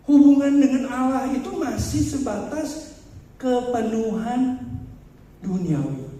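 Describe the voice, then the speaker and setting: A male pastor with a high, mellow voice delivers a sermon in a chatty way, turning often to his listeners with questions. The sound bounces around a large hall, and he is picked up from some distance away. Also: slight background noise. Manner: conversational preaching, addressing the congregation directly with rhetorical questions. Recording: echoey church hall, mic far off.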